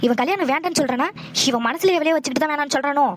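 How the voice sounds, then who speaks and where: A woman voicing a domineering older village patriarch in an animated drama. She speaks with a scolding manner. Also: high voice, very fast, noisy background, lightly acted.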